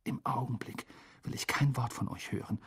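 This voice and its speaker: A man voicing a gleeful teenage boy at school, speaking hushed. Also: fairly low pitch, lively intonation, measured pace, slightly rough, no room sound, studio quality, exaggerated voice.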